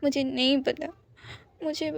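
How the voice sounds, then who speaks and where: A woman's voice: high voice, flat delivery, measured pace, vocal fry, dry recording. A woman voicing a timid young woman who stammers and cries easily, in a storybook romance. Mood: tearful. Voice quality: soft, trembling, stammering.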